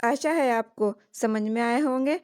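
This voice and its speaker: A woman teacher explaining grammar in a steady lesson, giving examples one after another. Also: a little high, measured pace, clean tone.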